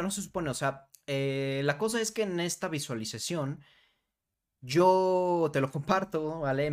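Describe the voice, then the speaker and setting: A young man talks straight to his listener on a motivational podcast. His voice sits a little high, and he keeps checking in with tags like "¿vale?" and "¿no?". He leads gentle affirmation exercises in a casual, encouraging way. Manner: warm conversational, frequent "¿vale?" and "¿no?" tags. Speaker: podcast host.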